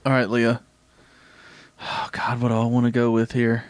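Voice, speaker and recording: A man co-hosting a podcast, throwing in dry, deadpan jokes during casual banter. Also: mid-range voice, normal speed, clear, resonant tone, no room sound. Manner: deadpan wisecracks. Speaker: podcast co-host.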